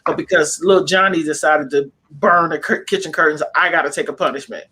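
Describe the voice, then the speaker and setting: A man's voice: fairly high pitch, fairly even intonation, brisk, pushed and bright, husky. A man speaking on a panel discussion, passionate and emphatic, who acts out the voices of relatives as he makes his points. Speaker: panel guest.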